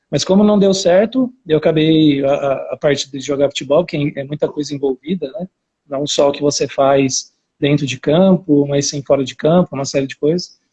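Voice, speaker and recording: A man of around forty with a fairly high, warm and husky voice tells his own story in a casual, talkative way, heard through dull audio. He is an academic researcher being interviewed on a live video call, and his accent is from interior São Paulo, Brazil.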